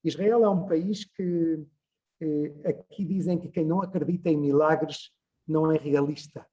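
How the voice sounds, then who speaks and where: Guy in his 60s, journalist giving an online talk, highish voice, hesitant, lots of ums. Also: fairly even intonation, measured pace, mellow, muffled recording. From Portugal. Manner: discursive, frequent hesitations. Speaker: guest lecturer, journalist. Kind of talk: online open lecture. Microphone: video call.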